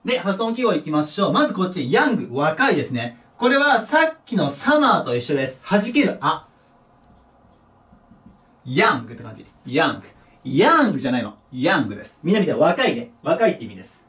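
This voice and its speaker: A man teaching a recorded English pronunciation lesson, animated, dropping low to repeat example words. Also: quick pace. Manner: lively, drops to a low murmur for example words. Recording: voice a bit distant from the mic.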